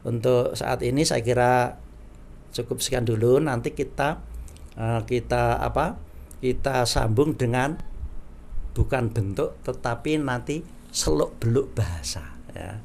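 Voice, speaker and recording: A male Islamic teacher giving a religious lecture, who chants verses slowly and acts out everyday examples in a raised voice. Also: mid-range voice, vocal fry, a little mellow, slight background noise.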